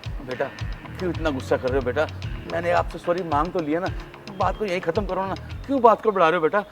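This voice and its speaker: A man's voice: fairly high pitch, fast talker, faint music behind, lightly acted. A man playing an elderly restaurant waiter who meekly apologizes and begs not to lose his job. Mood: pleading. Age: older. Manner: meek, apologetic, begging. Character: elderly male restaurant waiter, humble and pleading. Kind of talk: web short drama acting.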